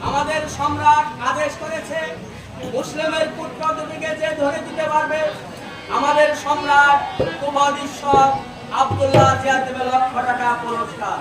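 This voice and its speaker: Man acting a high, monotone royal herald. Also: normal speed. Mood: proclaiming. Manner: formal, proclaiming, declamatory. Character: loyal, formal royal minister and herald. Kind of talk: folk jatra stage acting. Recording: echoey distant stage, music and crowd noise.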